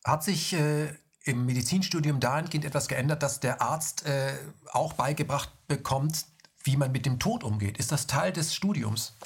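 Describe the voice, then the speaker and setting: A man's voice: on the high side, moderate pace, gravelly, breathy edge. A man interviewing a doctor, asking probing, thoughtful questions.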